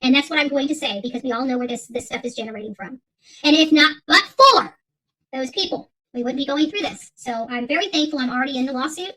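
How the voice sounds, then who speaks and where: The audio is rough, and the speaker is a woman with a high-pitched, sharp voice who talks at a quick pace. As host of an online commentary channel, she rants unscripted to her viewers, fighting and emphatic, leaning on repeated phrases for effect.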